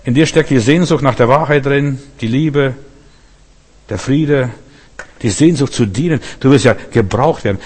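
A man's voice: mid-range voice, normal speed, darkish tone, slightly rough, in a large hall. A man preaching a sermon, speaking straight to his listeners and driving points home by repeating them. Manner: addresses listeners directly, emphatic repetition.

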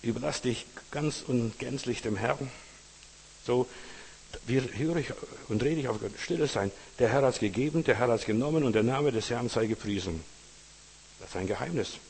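Gravelly preacher in an echoey hall. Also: male voice, mid-range voice, normal speed, darkish tone, a little hiss or hum. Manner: informal, addresses listener as du, retells stories with acted quotes. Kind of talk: sermon with parables.

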